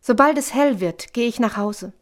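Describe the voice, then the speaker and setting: A woman voicing a calm, wise mother in a storybook reading, measured and steady. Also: fairly high pitch, close to an everyday voice.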